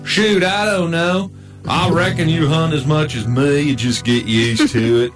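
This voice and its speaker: A man voicing a laid-back male cowboy hound dog with a slow, folksy drawl. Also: fairly high pitch, steady tone, faint music behind, lightly acted. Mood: easygoing. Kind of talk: comic voice acting.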